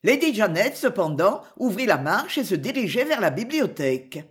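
A narrator reading a classic novel aloud in a slow, expressive storytelling manner. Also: mid-range voice. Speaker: audiobook narrator. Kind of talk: scripted literary narration.

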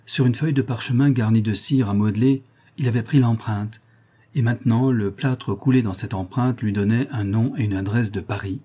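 A man narrating a novel in a measured, even storytelling manner. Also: lowish voice, breathy edge. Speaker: audiobook narrator.

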